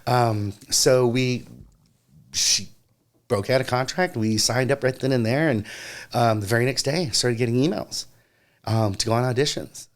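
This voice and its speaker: At a normal pace and in a mid-range voice, a male actor relates a long, lively anecdote in a casual interview. He leans on "you know" as filler and imitates the voices of the people in his story.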